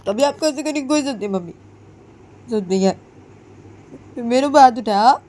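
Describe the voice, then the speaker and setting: A woman's voice: a little high, animated, normal speed, warm tone, voice pushed up, lightly acted. A woman voicing a hurt young wife who talks back indignantly and repeats herself.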